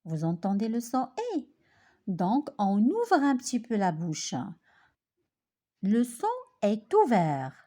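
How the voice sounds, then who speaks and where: A woman teaching French pronunciation, who says each word clearly and deliberately and repeats it, as in a spoken language lesson. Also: medium pitch, big pitch swings, warm tone.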